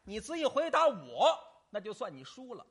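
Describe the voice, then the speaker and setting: Male crosstalk comic, high bright voice, animated teasing banter on stage. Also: normal speed, slightly rough. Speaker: crosstalk comedian.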